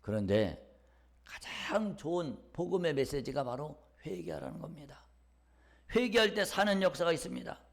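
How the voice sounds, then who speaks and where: Pastor swinging from whispers to loud pleas. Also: male voice, fairly high pitch, lively intonation, moderate pace, vocal fry. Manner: swings between hushed whispers and loud emphatic lines; acts out quoted voices in dialogue. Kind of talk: sermon.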